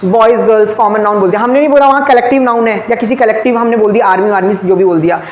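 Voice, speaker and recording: A male teacher runs an exam-prep grammar lesson, firing questions at the class and answering them himself. He keeps checking whether everyone has followed. His voice rings around a reverberant classroom over a faint steady hum. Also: high-pitched, rapid-fire. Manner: checks often with "clear?" and "okay". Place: classroom with ceiling fans. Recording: echoey room, faint background hum.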